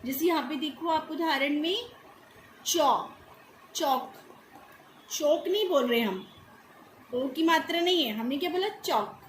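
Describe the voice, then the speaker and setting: High-pitched woman teacher, patient school lesson, echoey room, faint hiss. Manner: patient, explains slowly, calls pupils "beta".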